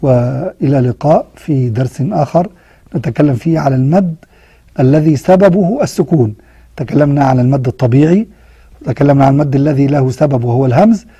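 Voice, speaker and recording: A man with an Egyptian accent teaching Quran recitation rules, mixing formal Arabic with colloquial asides and chanting the verse examples slowly. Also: medium pitch, warm tone, breathy edge, no echo. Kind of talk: tajweed lesson with recited examples.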